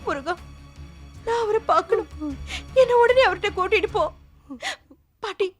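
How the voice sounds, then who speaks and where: A woman's voice: very high voice, moderate pace, soft background music. An actress playing a young woman in labor who cries out in pain and begs to see her husband. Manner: crying out in pain. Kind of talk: Tamil TV serial acting.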